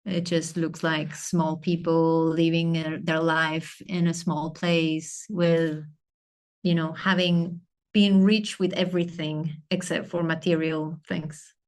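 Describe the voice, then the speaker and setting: A woman from Argentina speaks as a podcast guest, her voice sitting on the lower side. She talks reflectively and unhurriedly, pausing often while she searches for the right words. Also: flat delivery, a little mellow. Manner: thoughtful, searching for words with many pauses. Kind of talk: reflective conversation.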